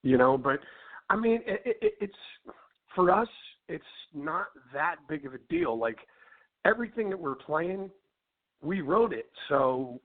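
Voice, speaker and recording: This interview guest, a rock singer from Philadelphia with a Philly accent, talks in a fairly high, very animated voice without hurrying. He rambles casually, restarting sentences, using lots of fillers and repeating "you know what I mean." The sound is a tinny phone line.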